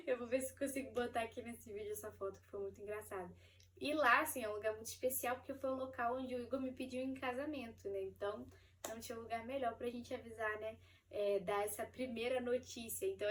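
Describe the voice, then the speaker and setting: A Brazilian woman telling a personal story to her viewers in a chatty, animated way, often laughing. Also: on the high side, distant mic, a little hiss or hum. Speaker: vlogger, mother of four. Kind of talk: casual storytelling to camera.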